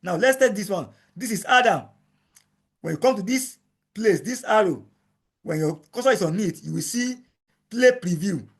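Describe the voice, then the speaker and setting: A man teaching a software tutorial, repeating each step in plain explanatory talk. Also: high-pitched, animated, moderate pace, long pauses, breathy edge. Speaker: instructor. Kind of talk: screen-recording software tutorial.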